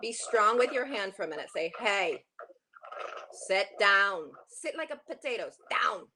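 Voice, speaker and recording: A woman coaching a horse riding lesson, projecting brisk, urgent, repeated short commands with encouragement. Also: medium pitch, lively intonation, noisy background.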